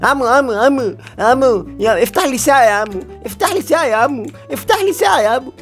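A man's voice: extremely high pitch, expressive, fast, a bit bright, soft background music, pitched above the performer's own voice, heavily acted. A man voicing a whiny little boy who keeps pestering the shop owner for an hour of gaming time. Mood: whining. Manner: nagging, repeating himself.

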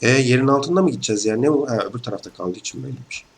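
Hoarse young man narrating gameplay. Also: medium pitch, rapid-fire. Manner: chatty, excitable, slangy, bursts into shouts. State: hoarse from illness. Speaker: gaming channel host. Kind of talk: casual let's-play commentary.

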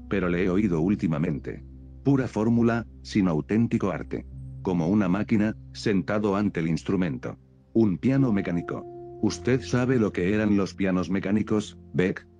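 A man's voice: deep voice, lively intonation, normal speed, dark tone, lo-fi sound. A man voicing a passionate young woman music student who speaks in indignant, accusing questions. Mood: scornful. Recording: music playing behind the voice.

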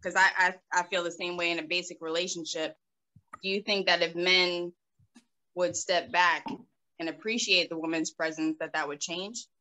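A woman's voice: fairly low pitch, steady tone, normal speed, sharp tone, low-quality recording. A woman on a radio talk show putting a question to the guest, hesitant and restarting as she goes.

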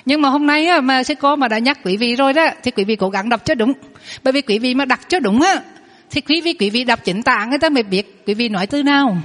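A woman, a Buddhist nun, teaching a Dharma class, explaining patiently and drilling new words slowly, saying each one twice. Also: high-pitched, fairly bright tone. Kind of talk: Dharma lesson with pronunciation drills. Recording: long hall reverb.

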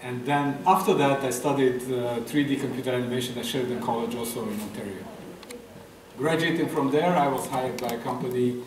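A man's voice: medium pitch, a little fast, noisy background. A middle-aged man from Romania, a guest artist, talking hesitantly with many fillers at a festival table talk. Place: room with a table, audience. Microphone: table mic on stand. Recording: echoey room, far from mic.

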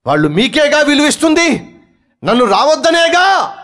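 Man doing a shrill furious wife, high piercing voice, accusing outbursts. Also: sing-song, normal speed, fairly bright tone. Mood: indignant. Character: indignant wife shouting at her husband.

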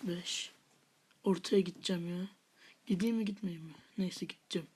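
A woman's voice: fairly low pitch, moderate pace, darkish tone, slight background noise. A woman hosting a gaming channel, giving live gameplay commentary with half-whispered muttered asides and playful taunts at opponents.

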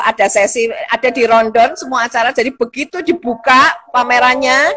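Woman, middle-aged, high voice, casual live-stream host, encouraging, filler-heavy chat. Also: fairly bright tone. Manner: chatty, encouraging, with frequent fillers and small laughs. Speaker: lecturer hosting an online live talk.

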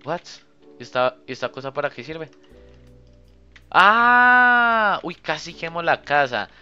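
A young man, giving casual, chatty commentary while playing a game and thinking out loud to his viewers. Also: on the high side, a little fast, lo-fi sound, soft background music. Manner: chatty, thinks aloud, often addresses viewers as "muchachos". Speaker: gaming youtuber.

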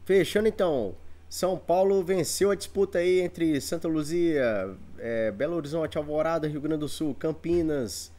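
A man's voice: on the high side, moderate pace, few pauses, dark tone. A man with a Brazilian accent working as an auctioneer, calling a live online auction in repetitive patter of bids and counts. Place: indoor room full of antiques.

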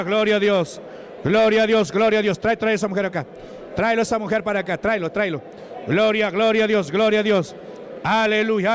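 A man from Peru with a Peruvian Spanish accent, preaching at a church deliverance service, shouting commands and chanting repeated praises. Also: high voice.

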